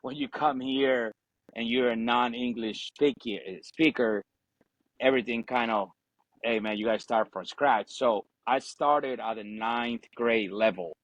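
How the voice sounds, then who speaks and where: A man's voice: medium pitch, a little slow, no room sound, low-quality recording. A man in his forties from Ecuador, a Spanish speaker and Marine veteran, chatting casually as a podcast guest with lots of fillers and some swearing. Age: 40s. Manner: easygoing, swears, leans on fillers. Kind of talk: casual chat.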